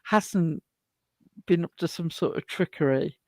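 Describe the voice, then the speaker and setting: A woman's voice: on the low side, a little slow, warm tone, no echo. A woman co-hosting a livestream, chatting casually and reading out comments from the live chat. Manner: rambling, chatty, laughs often. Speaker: livestream co-host.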